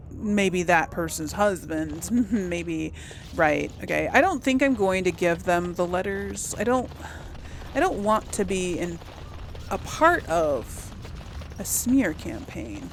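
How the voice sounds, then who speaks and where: A role-play let's-play host speaks slowly and pauses often, her lowish voice swinging widely in pitch as she hesitantly rambles and thinks aloud to herself. The clear background noise is game ambience.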